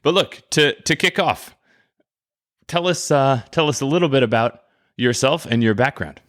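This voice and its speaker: A man hosting an interview, framing his questions in a halting way and often repeating words. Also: medium pitch, lively intonation, fairly bright tone. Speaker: podcast host.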